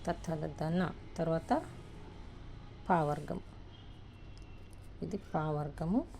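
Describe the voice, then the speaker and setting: A woman with a Telugu accent teaching the alphabet, slowly repeating each letter one at a time. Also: low-pitched, animated, vocal fry, dark tone, a little hiss or hum. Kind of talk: alphabet lesson, writing on a board.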